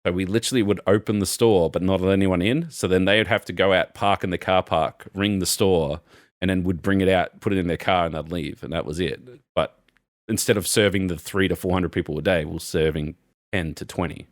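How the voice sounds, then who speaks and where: With a low voice and a brisk delivery, a young man co-hosting a casual podcast chats away, telling animated, wandering stories punctuated by frequent laughs. It's studio quality, with no echo.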